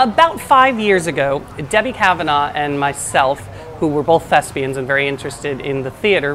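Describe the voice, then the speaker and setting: A man's voice: on the high side, fairly bright tone. A man with an American accent giving an interview as a theatre group's founder and director. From United States.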